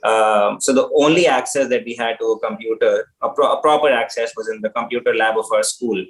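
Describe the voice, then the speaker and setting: A man's voice: medium pitch, fairly quick, low-quality recording. A man in his thirties with an Indian accent, speaking informally and reflectively to students as a guest on a video call. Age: 30s.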